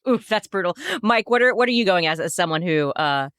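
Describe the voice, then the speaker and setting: Playful woman with a very animated delivery. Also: on the low side, a little fast, clear, resonant tone, no echo, clean studio sound. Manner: informal, slangy, playful. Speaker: podcast panelist. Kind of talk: casual chat.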